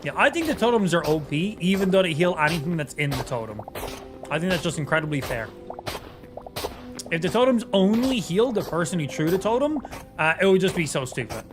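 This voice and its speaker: A man's voice: a little high, big pitch swings, fairly quick. A man livestreaming a game with casual, sweary, easygoing chat, his speech slightly impeded as if half his mouth is numb. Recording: music behind the voice. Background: music.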